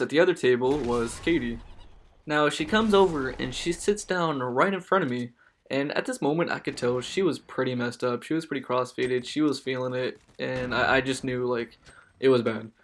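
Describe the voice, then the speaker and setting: Young man, casual vlog storytelling, slangy, stammers and restarts, emphatic, middle pitch, faint background noise. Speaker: vlogger.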